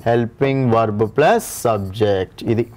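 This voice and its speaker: A man's voice: mid-range voice, normal speed, darkish tone. A man with a Telugu accent teaching an exam-prep English grammar lesson, repeating each rule and checking that students follow. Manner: repeats each rule and asks the class to confirm.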